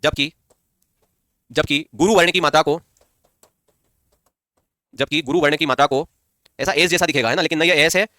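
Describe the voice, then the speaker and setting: Teaching Hindi grammar online, a man speaks in a fairly high, sharp voice with fairly even intonation, going over key points again and testing his students. He answers comments he reads aloud and chants verses at a slow pace. The sound is clean studio audio with no echo.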